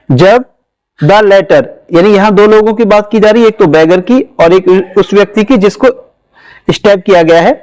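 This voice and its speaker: A man with an Indian accent, an English teacher, reads a news article aloud and explains it phrase by phrase, slowly, sometimes spelling words out. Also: high-pitched, darkish tone, poor audio. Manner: slow, explanatory, stresses word pronunciation and spells words out. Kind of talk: reading a news article aloud with line-by-line translation.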